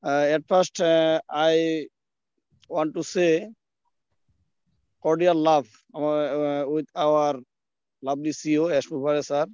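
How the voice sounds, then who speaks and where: A man giving formal thanks on a video call, halting and full of fillers. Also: fairly high pitch, flat delivery, a little mellow, clear, resonant tone, dry recording, highs cut off. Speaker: webinar participant.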